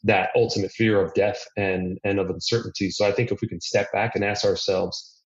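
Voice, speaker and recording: A man's voice: on the low side, level tone, brisk. Earnest man in an echoey room. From Miami, United States. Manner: earnest, thinking aloud with restarts and "you know". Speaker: podcast guest. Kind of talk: reflective conversational interview. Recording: echoey room, dull lo-fi sound.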